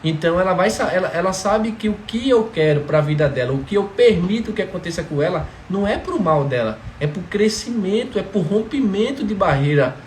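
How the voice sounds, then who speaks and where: A father talks about his family in a casual testimony, animated and emphatic, repeatedly asking "entendeu?" to make sure he's understood. His voice is high and a little fast with few pauses, recorded in an echoey room with faint background noise.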